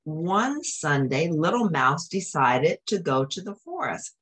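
A woman narrates a children's picture book slowly in a husky, lowish voice, reading expressively and adding friendly asides for young listeners.

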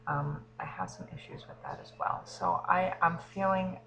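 A woman in her thirties, a fitness coach, speaking haltingly and close to tears in a confessional vlog. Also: on the low side, fairly even intonation, gravelly, background noise. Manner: hesitant, halting, frequent ums. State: emotional, near tears.

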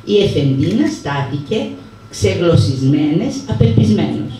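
A woman reading a novel aloud to a book club, expressive, slowing on tricky words. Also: low voice. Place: room at a hybrid reading-club meeting. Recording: roomy sound from far off with faint noise.

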